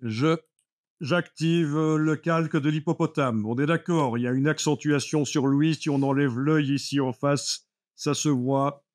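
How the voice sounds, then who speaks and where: A man's voice: fairly high pitch, steady tone, measured pace, dry recording, clean studio sound. A man teaching a live Photoshop class, explaining steps patiently with many fillers like "euh" and "voilà". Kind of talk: live classroom software lesson.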